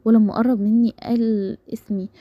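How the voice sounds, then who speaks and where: A woman with an Egyptian Arabic accent reading a first-person story in rapid, even narration. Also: on the high side, no echo, highs cut off.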